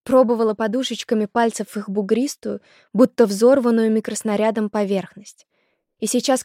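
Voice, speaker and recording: A woman narrating a novel as an audiobook, reading in a measured, expressive way. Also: a little high, no room sound, clean studio sound. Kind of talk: scripted narration.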